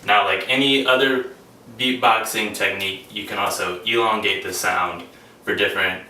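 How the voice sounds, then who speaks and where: A man's voice: fairly low pitch, steady tone, moderate pace, pushed and bright. Casual young man in an echoey room. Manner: casual, with frequent ums and restarts. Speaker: speaker giving a class talk on beatboxing. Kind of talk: informal instructional talk. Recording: echoey room, mic at a distance, faint hiss.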